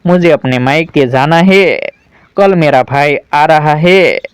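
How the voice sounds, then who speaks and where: A hurt, determined young daughter-in-law, as a male storyteller reads her lines in a storybook tale. The voice is slightly high and very slow. The sound is clear and dry. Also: dry recording. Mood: pleading. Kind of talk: storybook narration.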